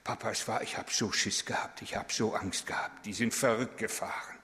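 A middle-aged man voicing his frightened sixteen-year-old son in a hushed, half-whispered tone. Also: mid-range voice, expressive, brisk. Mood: scared. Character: frightened teenage boy, sixteen. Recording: long hall reverb.

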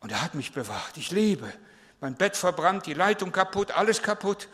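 A man preaching a sermon who puts on the voice of a frightened seventeen-year-old boy, talking excitedly. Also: moderate pace, long reverb tail. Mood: excited, shaken. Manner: excited, high-pitched and loud. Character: frightened teenage boy, breathless and shaken.

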